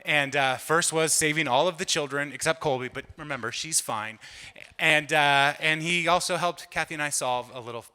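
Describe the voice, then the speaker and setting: Middle-aged male comic, self-deprecating storyteller, piercing bright tone, echoing venue. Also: fairly high pitch, a little fast, hardly any pauses, smooth. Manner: rambling, self-deprecating, with many fillers and restarts. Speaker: comedian. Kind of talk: stand-up storytelling. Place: event hall stage. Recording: long hall reverb from a live venue.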